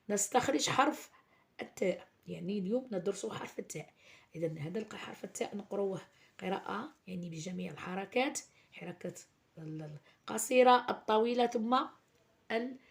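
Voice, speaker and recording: A woman, a primary school teacher explaining first-grade lesson plans, often pausing and restarting. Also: medium pitch. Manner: explanatory, many fillers and restarts.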